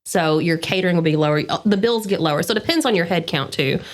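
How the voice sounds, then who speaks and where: Guest, female, wedding planner, chatty and easygoing, slightly low voice. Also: fast. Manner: chatty, many fillers, laughs easily. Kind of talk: casual interview talk.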